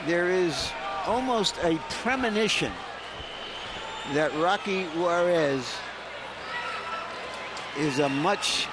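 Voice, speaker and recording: A man giving deliberate pre-fight boxing commentary, pausing between phrases. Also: high-pitched, expressive. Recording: roaring crowd and loud arena noise.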